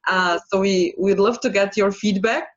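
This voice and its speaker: Co-hosting a casual chat with viewers, this quantum healing practitioner talks about healing sessions in Slovene-accented English. Her medium-pitched voice keeps a moderate pace as she pauses, starts over and laughs softly, all heard through a muffled, lo-fi video call connection.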